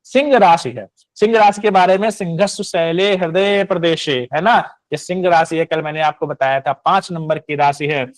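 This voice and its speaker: A man teaching an online class, explaining slowly and emphatically and often checking in with the listeners by asking "है ना". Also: a little high, steady tone, no room sound. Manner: didactic, repeats points with "है ना" tag questions. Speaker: Sanskrit and astrology teacher.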